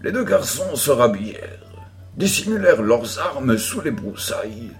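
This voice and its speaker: Guy reading an audiobook, really slow, pitch moves around a lot. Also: soft background music. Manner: expressive, deliberate. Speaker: audiobook reader. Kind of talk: audiobook narration.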